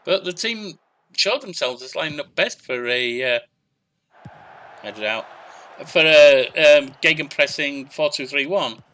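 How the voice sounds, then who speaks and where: Young guy narrating his football sim, bright punchy voice, short bursts, thinking out loud. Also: on the high side, animated, unhurried. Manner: chatty, narrating match play in short bursts, thinking aloud. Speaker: gaming YouTuber. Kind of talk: casual let's-play commentary.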